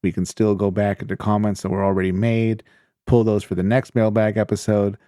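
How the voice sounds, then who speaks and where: A man's voice: lowish voice, level tone, brisk, mellow, dry recording, studio quality. A man co-hosting a podcast in casual chat, joking and laughing often. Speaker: podcast co-host.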